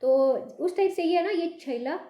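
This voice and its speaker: A woman teaching a Hindi class, patiently repeating each word slowly to show how it should sound. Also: very high voice, reverberant, highs cut off. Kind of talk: online language lesson.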